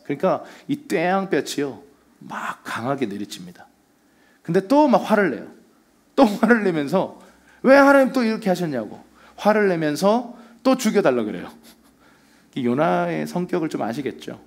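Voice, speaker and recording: A man preaching a Sunday sermon as pastor, telling the story with energy and acting out the lines he quotes. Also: on the high side.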